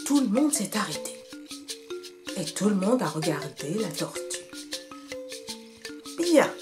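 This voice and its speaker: Expressive woman storyteller over music. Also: fairly low pitch, moderate pace. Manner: expressive, rhythmic, sing-song narration. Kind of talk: children's folktale storytelling. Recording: music playing behind.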